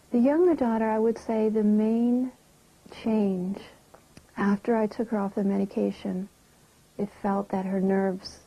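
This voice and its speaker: Middle-aged mother, documentary interview; husky, whispery, slow and halting, muffled recording. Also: medium pitch. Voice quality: breathy, often dropping to a whisper. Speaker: mother interviewed about her children. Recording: dull lo-fi recording.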